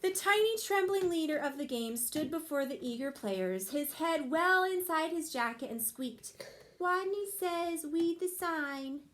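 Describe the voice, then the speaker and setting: Lively high-voiced woman teacher reading aloud. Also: moderate pace. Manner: expressive, lively storytelling. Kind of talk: reading a picture book aloud in a lesson.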